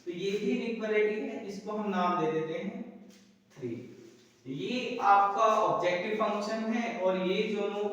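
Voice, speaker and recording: A man's voice: high-pitched, unhurried, fairly bright tone, muffled recording. A man teaches economics in a lecture, asking questions and then answering them himself, repeating the key terms. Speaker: economics tutor. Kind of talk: whiteboard lecture. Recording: echoey room, distant mic.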